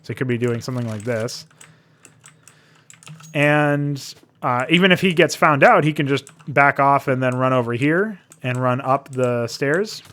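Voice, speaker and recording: A man's voice: medium pitch, a little slow, a bit bright. A man reviewing a game map in casual commentary, thinking aloud with frequent fillers and restarts, blunt and now and then profane.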